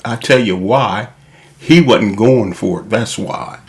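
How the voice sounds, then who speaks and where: On his channel, a man with a fairly low voice argues his views in a monologue, stressing and restating each point and spelling it out slowly and deliberately.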